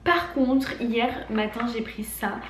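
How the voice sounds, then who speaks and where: A woman's voice: fairly high pitch, steady tone, slow pace, a bit bright. A young woman with an accent from France chats casually and emphatically about her shopping, her voice honking and nasal like a duck from a cold. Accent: French from France. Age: young adult. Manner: informal, filler-heavy, emphatic. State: congested, sick with a cold. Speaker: beauty vlogger. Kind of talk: casual chatty product haul. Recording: echoey room, faint background noise.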